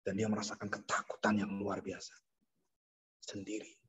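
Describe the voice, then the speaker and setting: A pastor delivers an animated sermon, his voice climbing high when he acts out frightened people and sinking low for solemn points. He speaks at normal speed with a husky voice, and the recording has a dull lo-fi sound.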